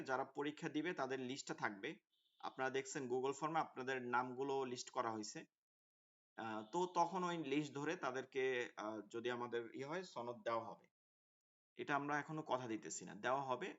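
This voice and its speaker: Over dull, lo-fi video-call audio, a man with a medium, slightly bright voice gives an orientation for his online Quran course. He lays out the class plan hesitantly, with many fillers.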